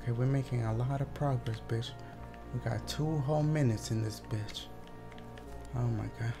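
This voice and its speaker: A man's voice: medium pitch, steady tone, normal speed, over music. A young man doing casual, sweary live commentary as a scared horror game streamer talking to his viewers. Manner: nervous, scared horror gamer, swearing often.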